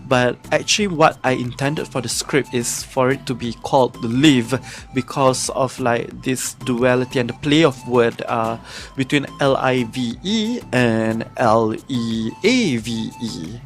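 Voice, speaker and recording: Man, podcast co-host, reflective, halting with fillers, mid pitch, faint music behind. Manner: reflective, searching for words with many fillers. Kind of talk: casual podcast conversation.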